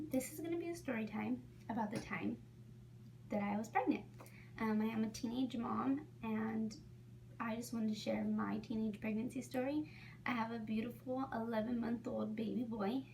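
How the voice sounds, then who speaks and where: A woman's voice: on the high side, vocal fry. A young woman in her late teens telling her own story in a casual vlog. She talks chattily with lots of "um" and "like" and often drops to a near whisper. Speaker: vlogger. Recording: distant mic with faint background noise.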